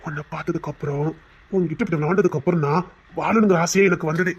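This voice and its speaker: A woman's voice: on the low side, breathy edge, highs cut off. A woman voicing a playful young man in love, a former rowdy now working as a bank manager, in a Tamil audio drama. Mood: earnest. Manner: fast, playful, coaxing.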